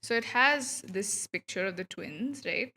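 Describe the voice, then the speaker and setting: A streamer from India chats casually while playing a game, giggly and scattered. Her medium-pitched voice has lively intonation and an unhurried pace, and music plays underneath.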